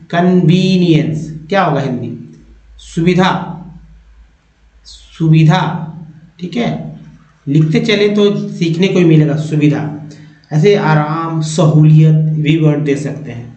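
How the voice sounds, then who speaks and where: A man with a fairly high voice gives an unhurried spoken lesson on English spelling and pronunciation. He says each word three times and keeps checking in with his viewers. The recording is roomy and somewhat dull and lo-fi. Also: dark tone. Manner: slow and deliberate, repeats words three times; addresses viewers as friends, often checks with "ठीक है". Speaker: English teacher.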